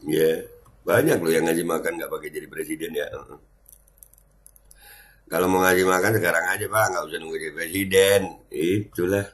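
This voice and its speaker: Man, middle-aged, low voice, mocking casual host banter. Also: steady tone, moderate pace, pauses often, a bit bright. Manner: mocking, chatty banter with the audience. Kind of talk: casual reaction commentary.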